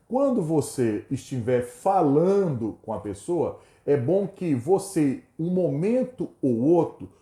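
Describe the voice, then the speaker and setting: A man's voice: a little high, warm tone, echoey room. A Brazilian man giving an instructional talk, explaining points and acting out short example dialogues. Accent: Brazilian Portuguese.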